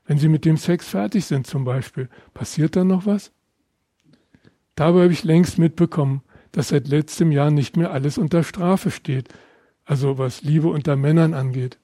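Older man from Berlin reading his memoir: measured and reflective, with a slightly high, mellow voice and a dry sound. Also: no room sound. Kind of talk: reading aloud from his own book.

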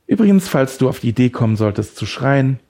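A man's voice: medium pitch, big pitch swings, fairly quick, warm tone, pitched above the performer's own voice. A man voicing a deranged male woodcutter who holds someone captive, taunting and smug, then creepily tender. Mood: mocking. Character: deranged male woodcutter kidnapper, mocking and obsessive.

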